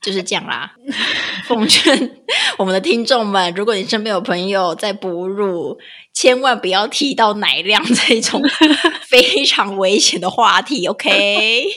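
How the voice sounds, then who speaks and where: A woman's voice: medium pitch, expressive, a little slow, sharp tone. A woman, casually chatting as a podcast co-host and acting out quotes with laughter. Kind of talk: casual chat.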